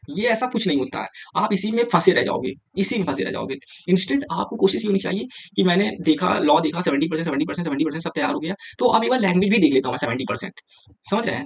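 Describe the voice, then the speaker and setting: A man's voice: high-pitched, creaky. A young man teaching exam preparation in a casual, direct lecture, switching between Hindi and English and often saying "yaar" to his viewers.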